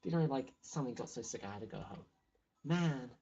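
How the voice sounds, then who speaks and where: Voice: mid-range voice, animated, brisk, warm tone, slightly rough, lo-fi sound, faint music behind. A player putting on a catty gossiping teen girl. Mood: teasing. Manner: valley-girl drawl, catty, full of "like". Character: gossipy snobbish teenage girl. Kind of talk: reading game dialogue aloud.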